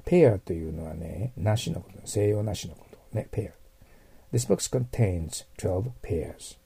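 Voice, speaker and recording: A man's voice: low-pitched, lively intonation, moderate pace, warm tone, breathy edge. A man teaching English vocabulary in a patient lecture, explaining word roots and checking in with his students as he goes. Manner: patient, repeats words, checks in with "ne" and "hai".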